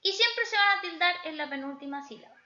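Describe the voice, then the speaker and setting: A woman teacher explaining spelling rules in a recorded lesson, often pausing to check in with her students. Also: extremely high pitch, expressive, sharp tone. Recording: echoey room, slightly dull sound.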